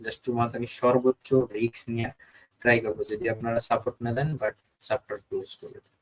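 A man's voice: medium pitch, little pitch movement, quick pace, rough recording. A young Bangladeshi man hosting a casual live stream, reading viewer comments and often checking in with his audience. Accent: Bangladeshi Bengali. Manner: repetitive, keeps asking "ঠিক আছে?". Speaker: live-stream host of a ghost-hunting channel.

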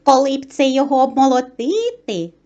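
A woman squeaking as two lazy little mice. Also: big pitch swings, a little fast, mellow, lo-fi sound. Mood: carefree. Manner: squeaky, carefree, later timid.

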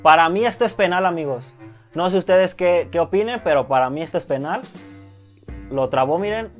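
Young Mexican man, gaming commentary, high voice, shouts at goals, music bed. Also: normal speed. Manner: excitable, swears often, yells at goals. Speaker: gaming youtuber. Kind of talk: casual video game commentary. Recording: loud music behind the voice.

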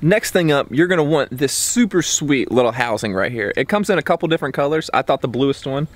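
A man's voice: medium pitch, lively intonation, brisk. A man in his twenties giving a casual, slangy product review to camera as a vlogger. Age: 20s. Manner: informal, slangy. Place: outdoors, backyard and woods. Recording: faint outdoor background noise.

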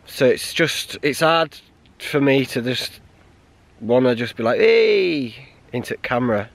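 Tucked behind a stone wall on a wind-blasted winter mountain, an Englishman in his thirties vlogs about his hike to a camera at arm's length. His mid-range voice is creaky yet expressive, subdued and full of restarts, with wind noise on the mic and no room sound.

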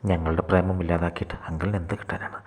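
A man's voice: sits low, flat delivery, very fast, a little mellow. A shy, clever young woman in love, as a man reads her. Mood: tender.

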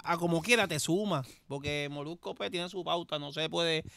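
A man's voice: fairly high pitch, normal speed, gravelly. A young man with a Puerto Rican accent hosting a podcast, talking casually with slang and jokes. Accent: Puerto Rican Spanish. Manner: slangy, animated and joking. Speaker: podcast host. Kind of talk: casual chat.

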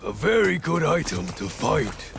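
A man's voice: on the high side, sing-song, unhurried, vocal fry, heavily acted. An actor playing a grim, wry male soldier in a video game, dry and theatrical, approving of killing. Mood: grimly wry. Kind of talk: video game character acting. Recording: loud gunfire and battle noise behind.

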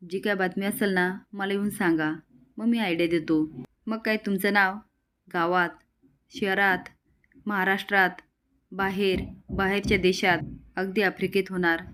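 A woman's voice: mid-range voice, steady tone, moderate pace, long pauses, a bit bright, lightly acted. A woman voicing a scheming young village man who talks in a coaxing, boastful way.

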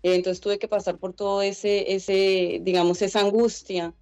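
As a guest on a video call through her laptop webcam, the young Colombian head of a migrant organization earnestly explains her answers from a room at home, often saying "eh" and "pues". Her mid-pitched, slightly mellow voice moves at normal speed with little pitch variation. The sound is dry and lo-fi, with soft background music.

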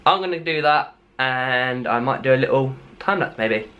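A man's voice: mid-range voice, animated, moderate pace, clear, resonant tone, muffled recording. Casual young British male vlogger. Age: young adult. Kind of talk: casual vlog chat. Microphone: handheld camera at arm's length.

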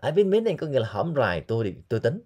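A man, teaching English phrases and repeating examples slowly. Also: medium pitch, big pitch swings, mellow. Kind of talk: explaining English phrases in Vietnamese.

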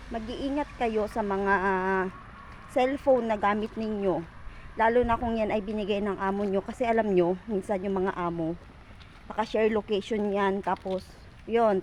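A woman's voice: medium pitch, darkish tone, slight background noise, rough recording. A woman vlogging outdoors while she walks, chatty and teasing, out of breath, talking into a phone. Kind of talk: casual walking vlog. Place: outdoors on city streets.

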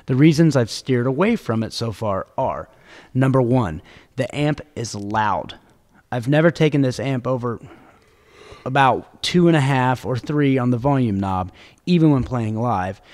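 A man's voice: mid-range voice, darkish tone, long reverb tail. A man hosting a casual podcast, joking and laughing often between reading listener questions. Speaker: podcast host.

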